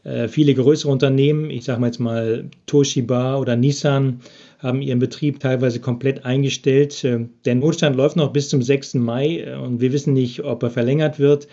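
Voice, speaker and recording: This man, a business expert speaking from Japan over a remote link, fills his answers with hesitant sounds. He talks at normal speed in a medium-pitched, mellow voice with fairly even intonation, through muffled audio.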